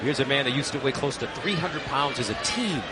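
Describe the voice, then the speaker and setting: A man's voice: medium pitch, expressive, a little fast. A man giving live boxing play-by-play commentary in clipped, punchy phrases.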